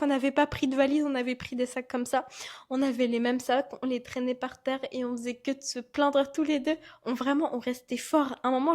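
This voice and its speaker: Woman, twenties, from France, podcast co-host, casual chat, animated storyteller, slightly high voice. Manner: animated storytelling, acting out quotes.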